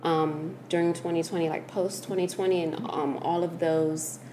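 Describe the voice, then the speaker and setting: Woman with a low voice, thoughtful co-host in a casual chat, faint noise behind. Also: level tone, moderate pace. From United States. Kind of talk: casual conversation.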